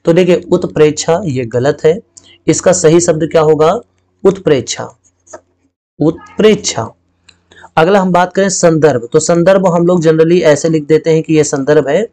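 A man's voice: on the high side, moderate pace, mellow. A man teaching a Hindi spelling lesson. He explains step by step and says each word twice. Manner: explains step by step, often adding "ठीक है" and repeating words.

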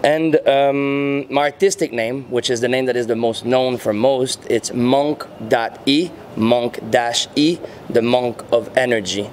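A man in his thirties from French-speaking Canada, whose first language is French, answers casual interview questions in English with a Quebec accent. A muralist and rapper with a mid-range voice, he speaks slowly and thoughtfully, searching for words with many ums. He's at an indoor venue before a painted backdrop, using handheld mics near his chin, with faint noise behind.

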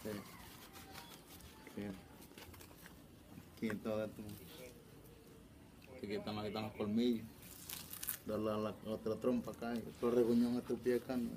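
A man's voice: fairly low pitch, monotone. Man, Oaxacan coastal accent, repetitive restarts, interview, slight noise. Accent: coastal Oaxaca Spanish. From Mexico. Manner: halting, repetitive storytelling with many restarts. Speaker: fisherman recounting an attack. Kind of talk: interview testimony.

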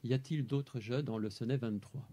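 A man with a mellow, slightly husky voice talks through a poem line by line. He is measured and explanatory, lingering on single words as he presents his translation work. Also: medium pitch. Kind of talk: talk on translating poetry. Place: amphitheater.

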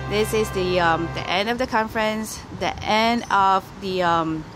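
A woman records a casual travel vlog on her phone from a high hotel balcony, chatting in an unscripted way with small fillers. Her pitch sits in the middle range. Loud music plays under her voice the whole time. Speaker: blogger. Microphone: phone held filming the view.

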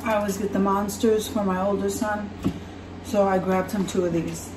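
A woman's voice: mid-range voice, moderate pace, noisy background. Chatty woman in an echoey kitchen. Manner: chatty, relaxed, self-correcting. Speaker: vlogger. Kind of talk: casual grocery haul chat. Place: home kitchen, indoors. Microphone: camera across the counter. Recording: echoey kitchen, camera from far off.

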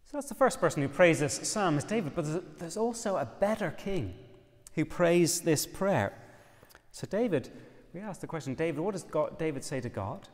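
A man with an Irish accent preaching an expressive, emphatic sermon, quoting scripture. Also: fairly high pitch, moderate pace, long reverb tail. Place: church.

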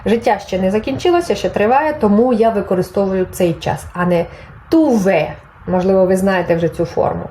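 A woman's voice: medium pitch, a little fast, mellow, a little hiss or hum, poor audio. A woman teaching a Spanish grammar lesson, patiently explaining and reading example phrases aloud, then translating them. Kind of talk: online language lesson.

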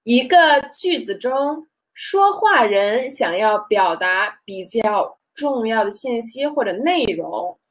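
Woman teacher, unhurried pace, bilingual Mandarin lesson with English asides, lots of filler sounds. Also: a little high, animated, low-quality recording. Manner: slow, drawn-out teaching with frequent fillers and checks; mixes English glosses into Mandarin explanations. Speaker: Chinese teacher.

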